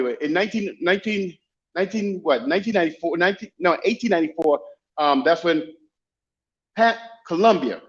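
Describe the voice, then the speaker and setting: A man with a Dominican-influenced accent chatting casually and telling stories emphatically, often repeating phrases to make his point. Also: on the high side. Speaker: guest, travel YouTuber. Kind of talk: casual chat, animated storytelling. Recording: dull lo-fi call audio.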